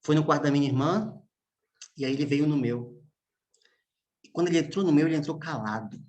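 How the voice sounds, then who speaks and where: A man, a pastor preaching a sermon as emotional storytelling, with long pauses and hushed moments. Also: a little high, dull audio.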